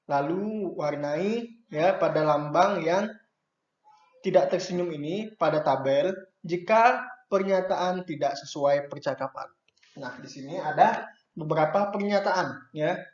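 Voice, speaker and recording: A man's voice: fairly high pitch, darkish tone. A man teaching young children from a workbook, patiently explaining each task and often adding short checks like "ya" and "nah". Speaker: primary school teacher. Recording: echoey room, dull lo-fi sound.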